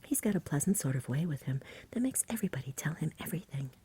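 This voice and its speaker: A woman voicing a sensible, kindly, homely country mother in a breathy, whispery ASMR storybook reading. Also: sits low, expressive, fast, dark tone, exaggerated voice. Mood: kindly, reassuring. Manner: homely, rustic, reasoning.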